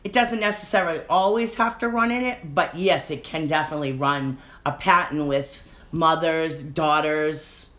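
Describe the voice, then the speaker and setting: A woman's voice: low voice, moderate pace, hardly any pauses, fairly bright tone. A middle-aged woman talking candidly about personal matters as an interview guest, on a dull lo-fi recording.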